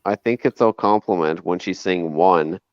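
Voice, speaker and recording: A man's voice: low-pitched, moderate pace, no room sound. A man hosting a livestream in casual chat, playful, often stumbling and restarting. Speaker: livestream host. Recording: slightly muffled stream audio.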